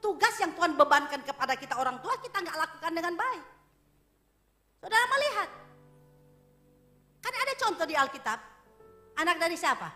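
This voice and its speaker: A woman pastor giving a sermon in church, chatty and joking at first, then growing loud and emphatic as she exhorts the congregation. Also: very high-pitched, big pitch swings, brisk, long pauses, faint music behind. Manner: conversational preaching, rising to emphatic exhortation, laughs with congregation.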